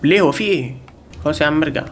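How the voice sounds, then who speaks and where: شاب بلهجة مصرية يعلق على لعبة رعب وهو يلعب، يصرخ ويهزر مع المتابعين. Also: male voice, on the high side, racing, a little hiss or hum. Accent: Egyptian Arabic. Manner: panicky, yelling in bursts while being chased; jokey, talks to viewers and the game. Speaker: gaming channel host. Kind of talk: live horror game commentary.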